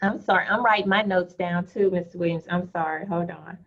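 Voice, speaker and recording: Low-voiced woman on dull, lo-fi audio. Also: steady tone, a little fast, a bit bright.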